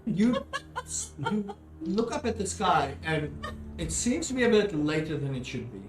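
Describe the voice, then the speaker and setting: A man's voice: fairly high pitch, very animated, unhurried. A man running a tabletop fantasy game as game master, improvising narration and repeating phrases for emphasis. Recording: echoey room, faint music behind. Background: faint music.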